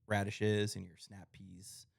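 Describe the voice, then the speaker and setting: A man's voice: fairly low pitch, flat delivery, slow pace, vocal fry, no echo, studio quality. A man co-hosting a casual gardening chat, explaining things plainly, his audio glitching and cutting out over a remote mic. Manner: explains step by step, plain-spoken. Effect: glitching audio that cuts out and drops in level. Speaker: podcast co-host.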